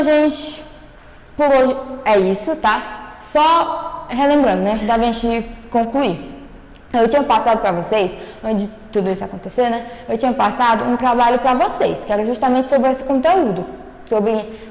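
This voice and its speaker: Woman teacher in an echoey room. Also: a little high. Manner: explanatory, checking in with "né?" and "tá?". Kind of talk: recorded remote class lesson.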